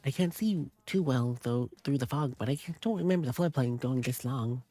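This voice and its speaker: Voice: medium pitch, moderate pace, dark tone, no room sound, faint music behind. A streamer reading game narration aloud and breaking off into giggly, chatty asides. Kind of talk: reading a visual novel aloud with commentary.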